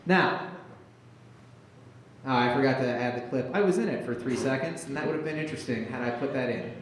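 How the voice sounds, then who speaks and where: A man's voice: mid-range voice, normal speed, long pauses, crowd noise. A man hosting a live comedy show, rambling and self-mocking as he reads out scene directions. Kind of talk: live stand-up show banter. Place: live venue with audience. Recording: echoey live venue room.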